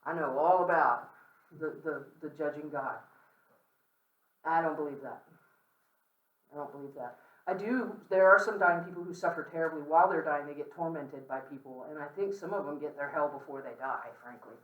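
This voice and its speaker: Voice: mid-range voice, normal speed, lo-fi sound. A guest speaker giving an informal, candid lecture to a campus audience, talking conversationally and often checking in with "okay?". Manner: candid, with asides and light humor. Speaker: guest speaker on death and dying. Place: large room with an audience. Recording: roomy echo, speaker far from the mic.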